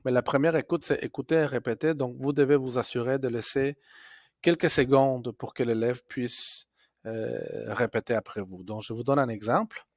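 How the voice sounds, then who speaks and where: A man teaching a software tutorial step by step, pausing and correcting himself as he goes. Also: medium pitch, no echo, studio quality. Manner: slow, step-by-step explaining with fillers and self-corrections.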